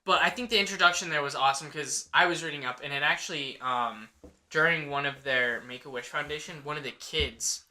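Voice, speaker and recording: A young man with a bright, slightly high voice talks casually about a movie with friends. He is animated and acts out scenes as he goes, with plenty of "like" fillers along the way. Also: fairly quick. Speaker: podcast co-host.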